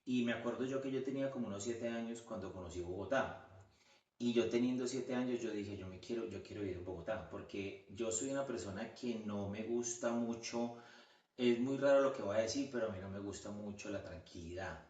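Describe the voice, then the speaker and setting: Colombian man, low voice, roomy echo. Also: fairly quick, a little mellow, far from the mic. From Colombia, Quindío region. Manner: chatty, with many fillers and restarts. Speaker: guest, orthodontist. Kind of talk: casual interview chat. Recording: echoey room, voice a bit off-mic.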